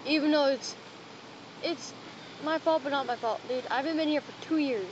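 A man's voice: very high voice, normal speed. A young man vlogging outdoors, rambling and defensive in casual chat. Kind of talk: casual vlog chat while walking. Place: outdoors on a city street. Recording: muffled phone recording with traffic noise.

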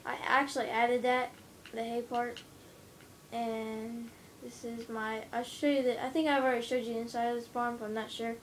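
A woman's voice: fairly high pitch, little pitch movement, normal speed, slight background noise. Rambling woman touring a game build. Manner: rambling, hesitant, many fillers. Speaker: gamer giving a tour of a game build. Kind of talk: casual gameplay walkthrough. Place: home room, in front of a TV. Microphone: handheld camera filming the TV screen.

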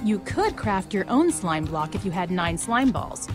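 An irritable stallkeeper woman from a video game. She is curt, mid-pitched and expressive, with loud music behind her. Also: unhurried. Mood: curt, annoyed. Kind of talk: animated video game acting.

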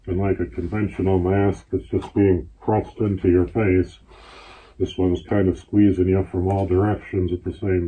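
A man talking through a gas mask, explaining in a plain, matter-of-fact way, his voice husky. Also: sits low. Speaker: gas mask collector reviewing gear. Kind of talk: casual product overview. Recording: tinny, phone-like lo-fi sound.

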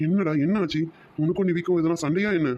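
A man's voice: fairly high pitch, steady tone, quick pace, over music, natural voice. A man voicing a worried young man who keeps pressing his friend with insistent questions, on a dull lo-fi cartoon recording.

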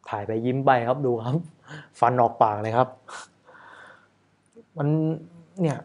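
A man's voice: medium pitch, measured pace, muffled recording. A man, a wedding photographer, casually talking over footage in a chatty way, often asking rhetorical questions.

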